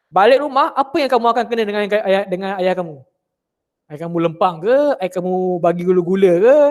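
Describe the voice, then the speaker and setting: A man with a Malaysian Malay accent teaching children religion in an online class, lively and full of questions for his pupils. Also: sits high.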